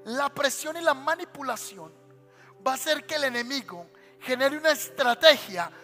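A man's voice: extremely high pitch, lively intonation, moderate pace, pushed and bright. A male pastor from Colombia preaching an emphatic sermon and calling for amens from the congregation. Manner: emphatic preaching, calls for amen. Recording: long church reverb, faint music.

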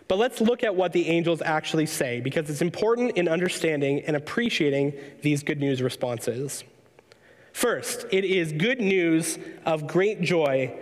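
A man preaching a sermon, measured and explanatory, slowing down to read scripture aloud. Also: a little high, in a large hall. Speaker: pastor.

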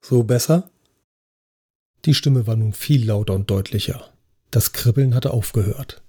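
A man narrating a story in a measured, even scripted reading. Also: on the low side, breathy edge.

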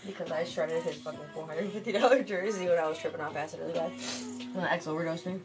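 This young Michigan woman, a vlogger, talks at a quick pace in a fairly low, steady voice during casual late-night chat. Music plays behind her as she rambles, swears and fills gaps with fillers.

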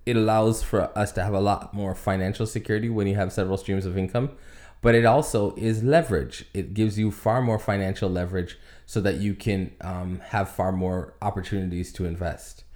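A middle-aged man speaks in a fairly low voice, laying out his views with earnest conviction. He talks in a casual, lecturing way, as if advising his listeners. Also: fairly even intonation, fairly quick, a little mellow. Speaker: podcast co-host. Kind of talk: casual advice chat.

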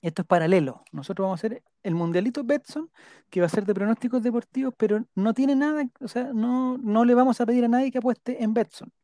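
A Chilean-accented streamer chats in a loose, jokey manner, reading out what viewers write and saying their names slowly while noting them down. The recording is close and dry with no room sound, carrying a mid-range voice with a dark tone.

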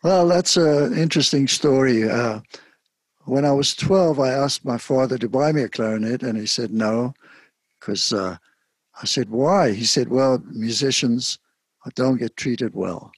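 An older man from South Africa, a saxophonist interviewed about his life in music, speaking softly and haltingly with many pauses. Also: mid-range voice, husky, no echo. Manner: soft-spoken, halting with frequent pauses. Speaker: guest saxophonist. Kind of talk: casual interview.

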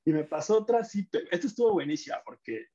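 A young man with a Mexican accent, chatting casually on a podcast and telling animated stories. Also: high-pitched, fast, lo-fi sound. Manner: storytelling, animated in anecdotes, many restarts. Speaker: podcast guest. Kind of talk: casual chat.

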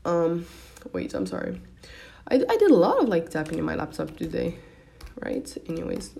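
A woman's voice: on the low side, huge pitch swings, brisk, vocal fry, warm tone. Hesitant young woman. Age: young adult. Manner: hesitant, many fillers and restarts. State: slightly shaky voice. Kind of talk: casual personal vlog.

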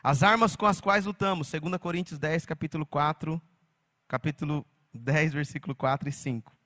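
A man preaching a sermon as pastor, animated, slipping into mocking quoted voices. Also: on the high side, moderate pace.

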